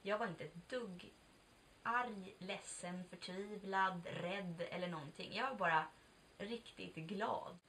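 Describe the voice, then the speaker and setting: This is casual confessional storytelling from a twentysomething female vlogger whose mid-range voice has a fairly bright tone. Chatty and open, she swears occasionally and voices bits of dialogue herself. The mic sits at a distance, catching faint background noise.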